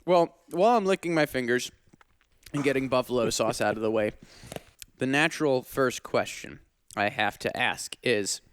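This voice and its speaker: A man's voice: medium pitch, no room sound. A man hosting a podcast in a bar, chatting casually and joking while he eats. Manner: relaxed, jokey, talks while eating. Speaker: podcast host. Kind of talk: casual chat over food.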